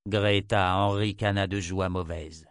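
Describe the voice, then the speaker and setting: Male audiobook narrator with a low voice, steady measured read, dry booth sound. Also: no room sound. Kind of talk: scripted narration.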